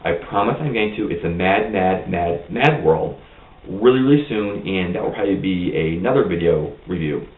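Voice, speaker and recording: Deep-voiced blunt man, tinny far-off recording. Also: expressive, moderate pace, slight background noise. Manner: blunt, opinionated, rambling. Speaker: movie reviewer. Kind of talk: casual vlog review. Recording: tinny lo-fi, roomy, mic far off.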